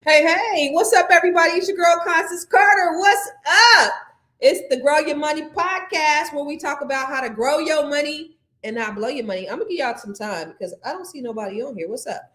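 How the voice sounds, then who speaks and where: In an echoey room, a brisk, high-pitched woman in her fifties runs a live stream of her money podcast. She's lively and slangy, chatting casually and addressing her audience directly.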